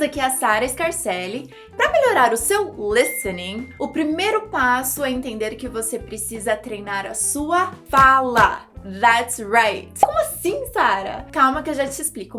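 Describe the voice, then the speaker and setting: A young woman from Brazil teaches English in a chatty, upbeat way, breaking into playful voices to act out examples. Her voice sits high, and faint music plays behind her. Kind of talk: YouTube English lesson.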